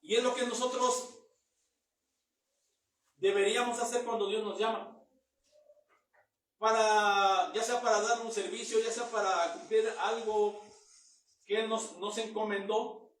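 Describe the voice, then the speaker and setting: A man's voice: sits high, fairly even intonation, measured pace, long pauses, fairly bright tone. A man preaching a Bible teaching sermon, reading verses aloud and then explaining them in plain words. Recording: very echoey room, mic far off.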